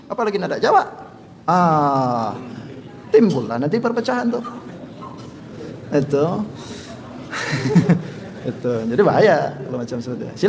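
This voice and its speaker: High-voiced man teaching in a reverberant hall. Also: gravelly, a little hiss or hum. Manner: chuckling, demonstrates recitation melodies by chanting. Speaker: Islamic religious teacher. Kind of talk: Quran study lecture.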